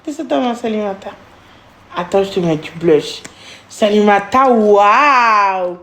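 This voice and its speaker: A woman live streaming in casual chat, cooing doting baby talk and breaking into wailing, sob-like high notes. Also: animated, slow pace, fairly bright tone, reverberant.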